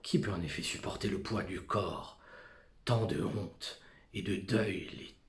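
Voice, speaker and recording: A man performing an anguished, brooding tragic figure in a theatrical monologue, halting and fragmented, moving between whispers and outbursts. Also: deep voice, gravelly, echoey room. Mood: bitter, anguished.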